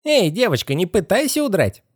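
A shrill, squealing creature that teases and mocks with false politeness. The voice sits far above a normal man's register and bounces around, playful yet sinister. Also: sing-song, a little fast, husky, no echo, clean studio sound, heavily acted. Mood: sly menace. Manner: teasing, giggling, mockingly polite. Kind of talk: audiobook character voice.

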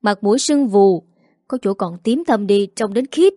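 A woman's voice: medium pitch, expressive, unhurried, mellow, no echo. Woman reading older mom from the village, bitter, wailing, scolds hard, dry close sound. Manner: wailing, scolding, harsh-tongued.

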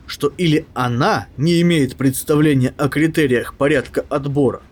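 A man narrating a science fiction story as a scripted audiobook, in an expressive, dramatic way. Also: a little high, husky.

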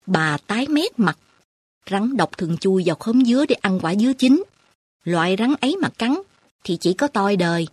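A woman voicing a lively, chatty middle-aged village aunt who teases and talks briskly. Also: mid-range voice, husky, dry recording. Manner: brisk, teasing country talk.

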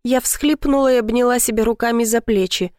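A woman's voice: on the high side, steady tone, brisk, darkish tone, no echo. Female audiobook narrator, first-person thriller, dramatic delivery, dry close sound. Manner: tense, dramatic reading with voiced dialogue.

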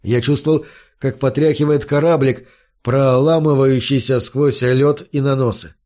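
A man's voice: mid-range voice, fairly even intonation, a little slow, a little mellow. Man narrating a story in first person. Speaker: audiobook narrator.

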